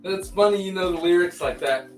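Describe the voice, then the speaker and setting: A man's voice: high voice, fairly quick. A man chatting on a casual livestream, laid-back and rambling as he tells stories. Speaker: co-host. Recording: distant echoey mic with faint music.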